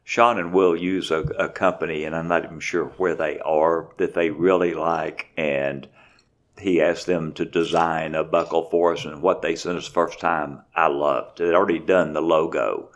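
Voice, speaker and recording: A race director talks plainly about his event in a calm, matter-of-fact way. His voice is very deep and low in his chest. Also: moderate pace, lo-fi sound. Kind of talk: casual interview.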